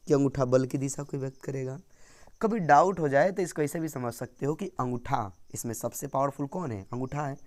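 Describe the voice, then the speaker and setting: Man, science teacher, fairly high voice, energetic, repeats key terms, answers his own questions. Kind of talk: exam-prep science lesson.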